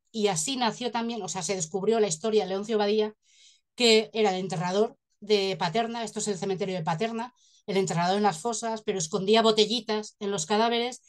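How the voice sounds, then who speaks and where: Young Spanish woman presenting on a call. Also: medium pitch. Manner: polite, hesitant restarts. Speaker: seminar speaker. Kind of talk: formal presentation. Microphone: laptop webcam on a video call.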